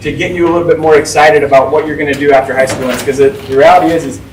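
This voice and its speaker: A man's voice: on the high side, fairly even intonation, very fast, recorded from a distance, slight background noise. Man around forty, casual guest speaker, chatty and informal, roomy echo, heard from off-mic. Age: 40s. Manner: chatty, informal, lots of "like" and "right?". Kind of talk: casual talk to a class. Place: school classroom. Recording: echoey room, voice from off-mic.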